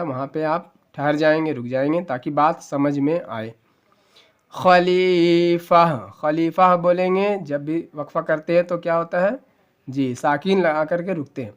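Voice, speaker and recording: A man's voice: a little high, lo-fi sound. A male Quran teacher giving a letter-by-letter spelling lesson, patiently explaining the reading rules and stretching out each joined word. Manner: spells syllables slowly, then draws out the joined word.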